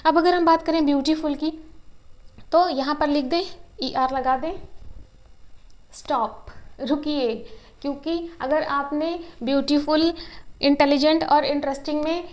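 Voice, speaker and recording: High-voiced woman teaching grammar. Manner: asks questions and answers them herself; slow, syllable-by-syllable word spelling. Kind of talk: classroom-style lesson.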